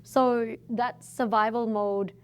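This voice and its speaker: A middle-aged woman from Fiji, a guest entrepreneur telling her story in a relaxed, reflective podcast interview. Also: fairly high pitch, smooth. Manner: reflective, storytelling, thoughtful pauses.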